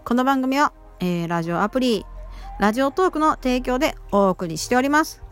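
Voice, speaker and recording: A woman's voice: high voice, animated, brisk, smooth, soft background music. A woman hosting her own casual solo talk show on a radio app, chatting in a rambling, self-deprecating way with many fillers. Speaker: amateur radio-app host.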